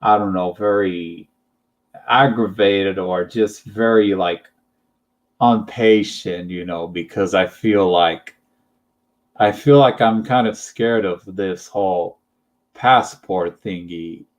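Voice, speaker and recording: Slow rambling young man. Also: deep voice. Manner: hesitant, rambling, many fillers and giggles. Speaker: channel host. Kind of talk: casual chat.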